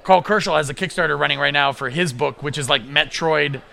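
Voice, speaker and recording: A man guesting on a podcast, talking in an excited rush with plenty of swearing and quick restarts. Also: a little high, vocal fry. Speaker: podcast guest, comic book creator. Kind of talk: casual podcast chat.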